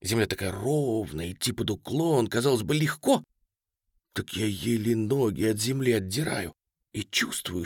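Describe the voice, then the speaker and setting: A man reads a first-person war novel aloud, telling it with animated expression. His pitch moves in a lively way at a middle height. The sound is close and dry. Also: breathy edge, no echo. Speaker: audiobook narrator.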